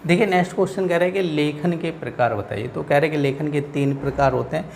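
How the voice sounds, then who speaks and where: Man teaching a grammar lesson, gravelly voice, slightly high pitch, repeats points, light background hiss. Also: fast talker, darkish tone. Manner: explanatory, repeats points and checks with "ठीक है". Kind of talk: exam-prep grammar lesson.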